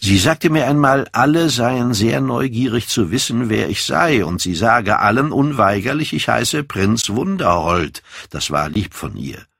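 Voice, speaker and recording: A man's voice: medium pitch, animated, a little slow, vocal fry, hardly any pauses, a bit bright, breathy edge, no room sound, clean studio sound, voice pushed up, heavily acted. A man reading an audiobook, voicing a proud, secretive and volatile young man in a raised voice. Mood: evasive.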